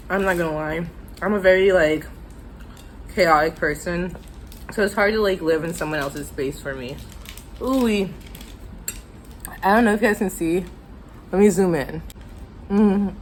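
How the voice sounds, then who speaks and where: A woman's voice: on the low side, a little hiss or hum, low-quality recording. An American woman telling a casual, chatty, self-deprecating story to viewers while eating, her mouth sometimes full. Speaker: mukbang vlogger telling stories.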